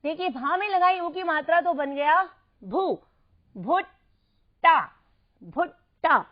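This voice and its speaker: Slow-spoken woman teaching young children. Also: very high voice. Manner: slow, clearly enunciated, has listeners repeat words. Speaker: primary school teacher. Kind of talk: children's Hindi lesson. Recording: dull lo-fi recording.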